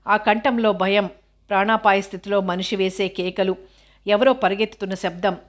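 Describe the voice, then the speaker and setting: A woman reading a first-person story aloud in a steady, measured narration. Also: medium pitch. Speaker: audiobook narrator.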